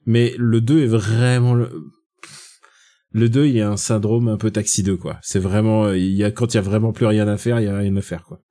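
Chatty man with a dark voice. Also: lowish voice, steady tone, brisk. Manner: chatty, digressive, with frequent restarts. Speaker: podcast host. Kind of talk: casual film chat.

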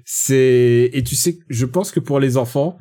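Chatty man with a dark voice. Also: mid-range voice, measured pace. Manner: chatty, digressive, with frequent restarts. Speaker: podcast host. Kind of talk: casual film chat.

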